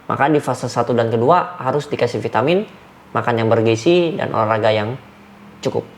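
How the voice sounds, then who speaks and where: A man's voice: medium pitch, brisk. Man giving numbered dog training tips. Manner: numbered points, demonstrates commands with sharp shouts.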